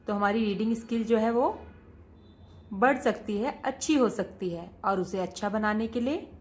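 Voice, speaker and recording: A woman teacher giving a patient lesson to children, often calling out to the students and repeating each point. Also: fairly high pitch.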